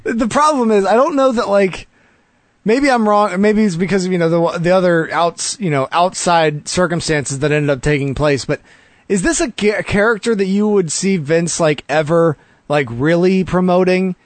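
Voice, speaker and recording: A man's voice: high-pitched, normal speed, no room sound. A man co-hosting a podcast, recapping a wrestling show in a chatty way with easy laughter and many fillers. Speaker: podcast co-host.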